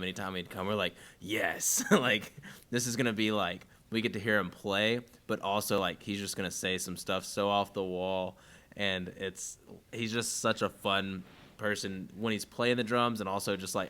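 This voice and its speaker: Deep-voiced male podcast host. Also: steady tone, normal speed, bright, forceful tone. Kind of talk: casual interview chat.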